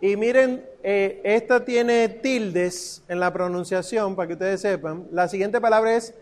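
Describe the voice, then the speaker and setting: A man's voice: high voice, a little slow, darkish tone. A man teaching a congregation to chant, patiently coaching their pronunciation syllable by syllable. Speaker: liturgical chant instructor.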